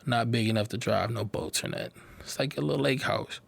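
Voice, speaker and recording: A young man giving a personal testimony to a live audience, earnest and halting, often repeating words as he speaks. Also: medium pitch, vocal fry.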